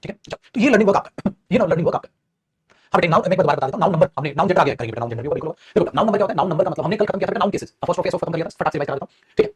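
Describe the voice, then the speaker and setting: A man teaching English grammar in a live online class, repeating points quickly and calling his students "beta". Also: fairly high pitch, animated, husky. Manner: fast, repetitive, calls students beta.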